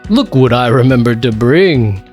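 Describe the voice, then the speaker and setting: A man voicing a kind, cheerful father bear in a picture-book reading, gentle and fatherly. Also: medium pitch, animated, normal speed, soft background music, natural voice. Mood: fond.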